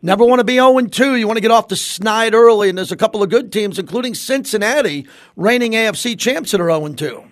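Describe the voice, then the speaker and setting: A man's voice: high-pitched, lively intonation, quick pace, no room sound. An American man hosting sports talk radio, giving emphatic opinions and repeating phrases for emphasis into a close studio mic. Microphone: close studio microphone.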